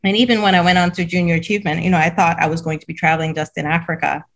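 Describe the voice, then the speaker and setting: Woman, middle-aged, from Cameroon, interview guest, low-pitched, storytelling manner. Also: little pitch movement, racing. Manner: warm storytelling, frequent laughs and repeated words. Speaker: guest, school CEO. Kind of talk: casual interview conversation.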